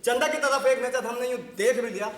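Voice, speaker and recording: A vain, flirty sitcom neighbour with a very high voice. He brags and jokes between laughs. The sound is roomy. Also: fairly quick. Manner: boastful, jokey, laughing. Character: vain flirtatious middle-aged neighbour who insists on being called doctor. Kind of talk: sitcom acting. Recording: roomy studio set.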